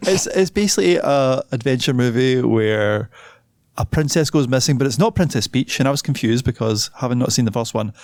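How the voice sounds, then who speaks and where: A man's voice: mid-range voice, expressive, a little fast, a little mellow, no room sound, studio quality. Hesitant man reviewing a film. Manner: hesitant, self-deprecating, loses his thread. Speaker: podcast co-host, film reviewer. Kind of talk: casual chat.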